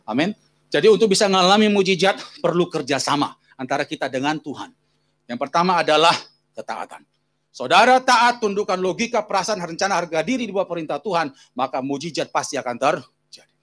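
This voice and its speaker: Man from Medan, Medan Indonesian accent, preaching, storytelling sermon, keeps addressing the congregation, slightly high voice. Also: expressive, fast talker, fairly bright tone. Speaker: pastor. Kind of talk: sermon with a personal testimony.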